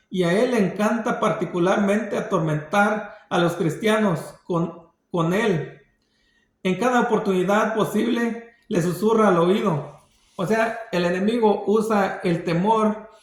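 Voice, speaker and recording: Slow, high-voiced man preaching. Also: echoey room. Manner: slow, halting delivery with repeated words. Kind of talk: sermon.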